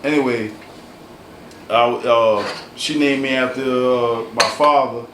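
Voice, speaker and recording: A man in his forties from Hawaii, a guest in a casual interview, telling his story haltingly with many fillers and restarts. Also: medium pitch, steady tone, fairly bright tone, far from the mic. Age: 40s. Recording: roomy, off-mic, faint room hiss.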